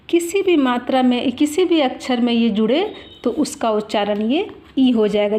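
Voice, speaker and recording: A woman's voice: a little high, darkish tone. A woman teaching young children a language lesson, explaining patiently with many examples and drawing out vowel sounds to demonstrate them.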